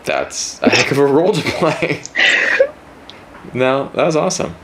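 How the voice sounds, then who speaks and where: A man's voice: medium pitch, huge pitch swings, measured pace, background noise. A man hosting a casual interview from his home at night, joking around and asking rambling questions. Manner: playful, jokey, rambling questions. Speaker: podcast host.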